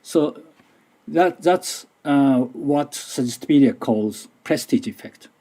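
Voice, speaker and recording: This middle-aged man from Japan, a university lecturer, presents at a conference in Japanese-accented second-language English. His medium-pitched voice is slow, expressive and mellow. His delivery is careful and slightly nervous, marked by repeated restarts.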